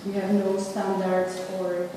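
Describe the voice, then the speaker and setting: A woman from the Republic, speaking at a conference in a measured, slightly halting way. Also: medium pitch, monotone, background noise. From Czech Republic. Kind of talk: panel statement. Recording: echoey hall from far off.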